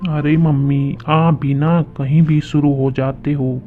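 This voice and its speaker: An irritable young groom complains in a flat, slow voice, played by a man. The audio is thin and phone-like, with soft music underneath. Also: on the high side. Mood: irritated. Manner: complaining, impatient.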